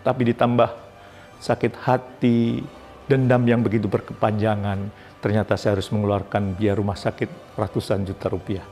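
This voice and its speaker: A man's voice: fairly low pitch, level tone, moderate pace, soft background music. Dramatic male motivational storyteller. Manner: dramatic, rising to near-shouts when moved. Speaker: motivational speaker. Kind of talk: emotional personal storytelling.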